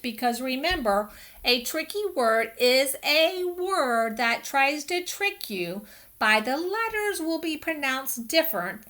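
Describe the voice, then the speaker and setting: A woman teacher speaks to young children over a webcam, sounding out each letter slowly and with exaggerated care. Her voice sits high and bright, and her pace stays gentle and unhurried so little ones can follow. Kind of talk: remote phonics lesson for young children.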